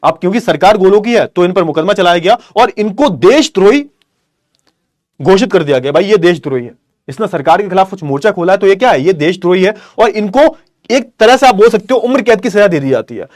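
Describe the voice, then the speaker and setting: High-voiced Hindi teacher, dry close mic. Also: male voice, expressive, a little fast, a little mellow, dry recording. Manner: explains by asking and answering his own questions; repeats key phrases, calls students beta. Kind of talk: online class lecture.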